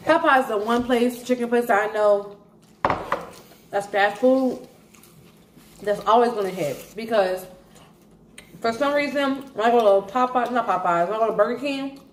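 A woman's voice: a little high, normal speed, long pauses. Woman talking with her mouth full, chill chatty food review, echoey room. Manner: chatty, relaxed, talks while eating. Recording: echoey room, faint background noise.

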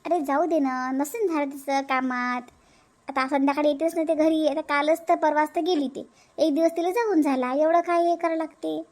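A high female voice plays a patient elder sister-in-law in a cartoon, as a woman dubs her. She soothes and advises steadily, in a Vidarbha Marathi accent. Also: fairly even intonation, moderate pace, darkish tone, lightly acted. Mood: soothing.

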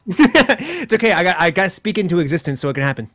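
Playful high-voiced man wisecracking. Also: sing-song, quick pace, a bit bright, soft background music. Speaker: stream guest player. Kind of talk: casual gaming chat.

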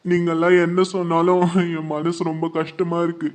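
Tearful brother in a family drama, played by a man, slightly high voice. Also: monotone, moderate pace, natural voice. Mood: grieving. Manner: sobbing, pleading. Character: young man grieving his sister's broken wedding.

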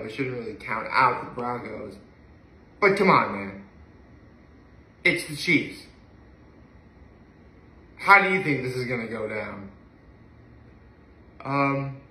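Pushed and bright, this slightly high male voice belongs to a young daily vlogger from upstate New York chatting casually on his own to the camera. His talk rambles and hesitates, often trailing off. The phone camera sits a few feet away in his living room, and the audio is roomy and echoey.

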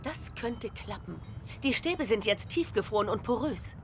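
Lady voicing young elf heroine in a game, dry and measured wording but melodic pitch, faint music behind. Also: lively intonation, close to an everyday voice. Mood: dry, sober. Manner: measured, matter-of-fact. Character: young elf woman adventurer, poised, dry, practical. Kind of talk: video game character acting.

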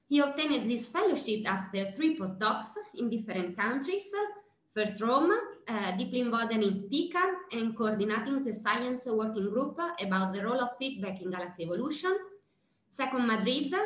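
A woman with an Italian accent introduces a speaker at a seminar, pausing on fillers and restarting her sentences. Her voice sits fairly high. The sound carries a roomy echo. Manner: hesitant, many fillers and restarts.

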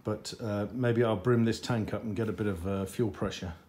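A man's voice: on the low side, fairly even intonation, normal speed, a little mellow. A man works on a motorcycle in his garage and talks his way through each step. He sounds frustrated and mutters his thoughts aloud, with faint noise in the background. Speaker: motorcycle mechanic vlogger. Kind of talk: talking to camera while working on a bike.

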